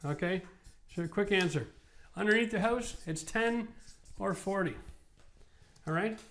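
A tired man in his forties from Canada, explaining basement renovation at a whiteboard in an emphatic, animated way. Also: sits high, a little slow. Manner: animated, emphatic, rising to passionate rants. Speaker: renovation expert host. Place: studio set with whiteboard, indoors. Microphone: lapel mic.

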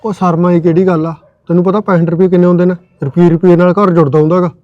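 A man playing a stingy husband who complains rapidly in a comic web series. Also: high voice, level tone, no echo. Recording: dry, muffled lo-fi phone audio.

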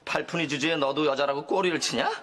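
An actor playing a bullying, spoiled young husband in a TV drama, bossy and whiny, often shouting. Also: male voice, a little high, fast, slight background noise, lightly acted. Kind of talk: television drama acting.

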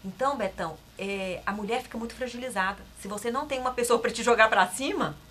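Middle-aged Brazilian woman, emphatic and encouraging, slightly high, bright tone. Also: fast, a little hiss or hum. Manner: emphatic and encouraging, often repeating phrases. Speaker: guest sharing a breast cancer experience. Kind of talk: casual talk-show conversation.

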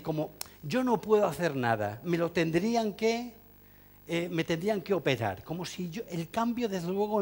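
A man giving an ironic, joking talk to teachers, full of asides and fillers. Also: a little high. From Spain. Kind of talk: humorous lecture to an audience.

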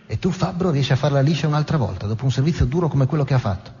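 A man's voice: medium pitch, lively intonation, racing, mellow, voice pushed up, lightly acted. A man reading aloud and voicing an obsessed, grim old male sea captain who questions intensely. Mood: fierce. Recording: dull recording in a long-reverb hall.

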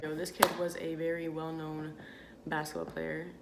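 A woman's voice: low voice, monotone, moderate pace, vocal fry. A young woman vlogger telling a casual story, rambling and leaning on filler words. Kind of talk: casual story-time vlog. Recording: echoey room with background music.

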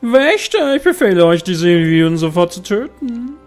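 A man's voice: sits high, sing-song, moderate pace, soft background music, voice pushed up. A man voicing an imperious, cruel noble villain from a video game, with a haughty, commanding and theatrical delivery. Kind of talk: acted video game dialogue read aloud.

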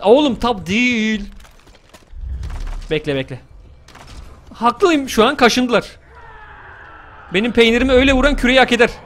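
A young man casually commenting on his gameplay, joking around and shouting excitedly at the action. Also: high-pitched, slight background noise. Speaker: gaming YouTuber.

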